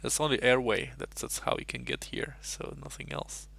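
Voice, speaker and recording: A Russian-born man talks in a heavily gravelly, fry-laden voice. He chats on a live stream in a loose, rambling way, thinking aloud over chess puzzles into a desk mic. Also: medium pitch, moderate pace, fairly bright tone. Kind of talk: casual live-stream chat.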